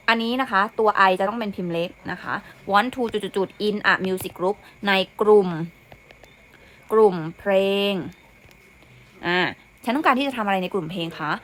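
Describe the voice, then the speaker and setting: Bright-voiced woman teaching English vocabulary. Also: medium pitch. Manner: patient, repeats words and meanings, says "นะคะ" often. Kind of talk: explaining an English exam in Thai.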